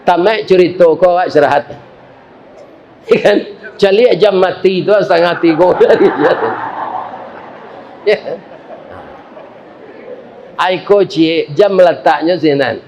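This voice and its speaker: A Minangkabau-accented man preaching a sermon, telling a story and joking with the congregation in a lively way. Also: high voice, slow, gravelly, pauses often, dull audio, a little hiss or hum.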